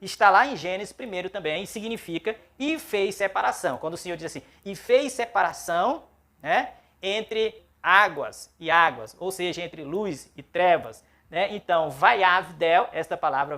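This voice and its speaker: A man's voice: high voice, animated, bright, forceful tone. A man, a pastor teaching a biblical Hebrew lesson, patiently spelling out syllables and checking in with "ok?". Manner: patient, checks understanding with frequent "ok?"; spells out syllables slowly and repeats them. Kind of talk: classroom-style language lesson.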